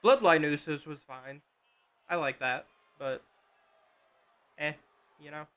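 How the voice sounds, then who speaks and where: A man's voice: a little high, slow, a bit bright. A man casually commenting on a wrestling video game on a live stream, rambling with fillers and restarts.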